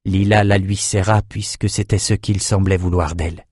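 Low-voiced man reading a dark tale. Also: slightly rough, dry recording, clean studio sound. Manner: steady, measured reading. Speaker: audiobook narrator. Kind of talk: scripted narration.

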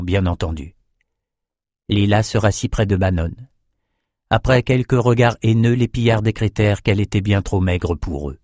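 Audiobook narrator, male, low-pitched, steady scripted reading. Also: no room sound, studio quality.

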